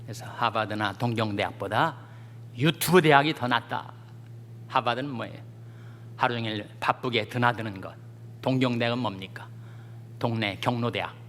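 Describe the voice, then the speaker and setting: Male pastor, bright forceful tone, long church reverb; storytelling sermon turning fervent. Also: medium pitch, moderate pace, pauses often, a little hiss or hum. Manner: folksy storytelling with jokes, rising to fervent scripture reading. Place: church sanctuary.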